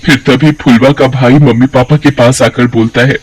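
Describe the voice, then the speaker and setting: A man's voice: mid-range voice, fairly even intonation, moderate pace, breathy edge, poor audio. A man narrating part of a moral cartoon story.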